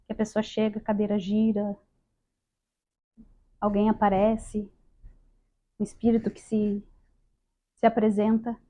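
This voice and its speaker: Woman, animated testimonial speaker who acts out dialogue, higher voice, dull recording. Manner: lively storyteller acting out dialogue, addresses listeners as "gente". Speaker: spiritist speaker. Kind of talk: testimonial talk to an audience. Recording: dull lo-fi sound.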